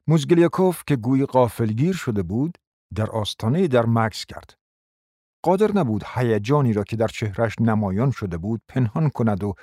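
A man narrating a novel as an audiobook, in an expressive, dramatic reading. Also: medium pitch, no room sound, studio quality.

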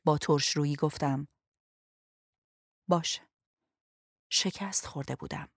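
A woman's voice: fairly low pitch, darkish tone, no echo. Woman narrating an audiobook, dry and close. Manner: measured, dramatic reading. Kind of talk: first-person audiobook narration.

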